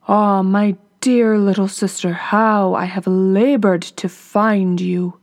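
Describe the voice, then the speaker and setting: A woman's voice: medium pitch, flat delivery, slow, a little mellow. A woman voicing a bold young prince who calls out in a raised voice. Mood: eager. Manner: calling out, raised voice.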